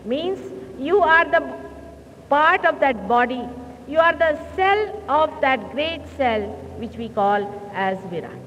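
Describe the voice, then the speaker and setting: A woman with a high voice preaches in slow, deliberate phrases and pauses now and then to clear her throat. Her voice reaches the microphone in a large hall with a long ring of reverb. The old 1970s recording sounds muffled and carries a faint hiss. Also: expressive, a bit bright. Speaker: spiritual teacher. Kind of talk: sermon. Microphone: speaking into a hall microphone.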